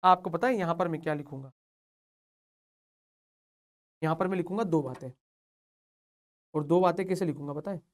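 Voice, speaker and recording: A young man with a slightly high voice delivers an online lecture at a quick pace, mixing Hindi and English. He's excited and playfully scolds his students.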